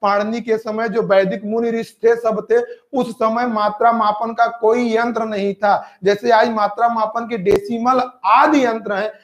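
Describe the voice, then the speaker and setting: A man teaching Hindi grammar in an exam-prep lecture. He drills each term by repetition, asks questions and answers them himself, and speaks straight to his students. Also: very high voice. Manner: addresses students directly.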